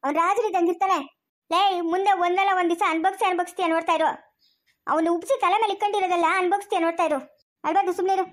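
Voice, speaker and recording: High-voiced woman acting a family quarrel. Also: steady tone, very fast. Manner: scolding, quarrelsome, switches between characters. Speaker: solo actor playing a whole family. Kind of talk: acted family quarrel drama.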